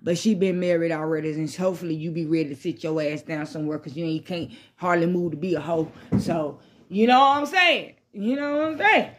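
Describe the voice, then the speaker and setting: A woman's voice: on the low side, fairly quick, few pauses. A woman vlogging casually in a laid-back stoner manner, rambling with slang and swearing and circling back over her phrases. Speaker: vlogger hosting a smoke session. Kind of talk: casual rambling chat to camera. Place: small bedroom, indoors. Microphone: phone propped at arm's length or a little further.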